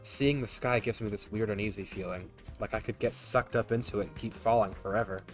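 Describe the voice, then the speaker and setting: A man's voice: lowish voice, a little fast. Guy doing a chill playthrough, reads the game text out and jokes around, bit of music behind him. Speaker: game streamer. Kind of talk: casual playthrough commentary, reading game text aloud.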